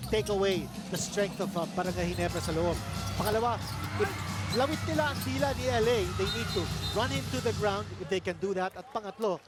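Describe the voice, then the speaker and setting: A man with a Filipino accent giving methodical, point-by-point sports analysis as a broadcast commentator. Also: high voice. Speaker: basketball analyst. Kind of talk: analytical sports commentary mixing Tagalog and English. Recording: loud music behind commentary.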